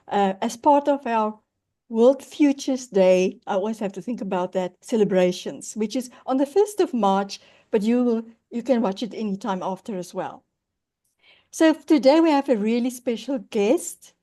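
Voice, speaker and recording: On a video call, a woman with a slightly high, mellow voice hosts an interview and introduces her guest with effusive, emphatic, spiritually tinged language.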